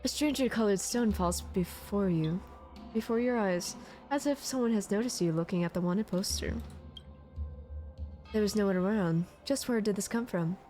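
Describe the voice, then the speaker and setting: A woman's voice: mid-range voice, moderate pace, warm tone. A woman streaming a game, reading its text aloud expressively and adding casual commentary. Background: music.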